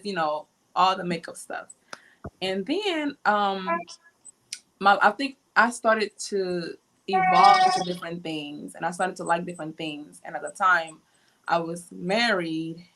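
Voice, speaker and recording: A woman's voice: medium pitch, fairly bright tone. A young woman from Honduras chatting casually as a livestream guest, storytelling with lots of fillers over an earphone mic on a video call. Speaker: guest blogger. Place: indoors at home.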